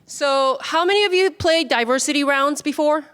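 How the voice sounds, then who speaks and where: A woman with a high, fairly bright voice and a moderate pace casually runs a group icebreaker in a large hall as a workshop facilitator. She's chatty and uses lots of fillers, and the room mic picks up the hall's reverb.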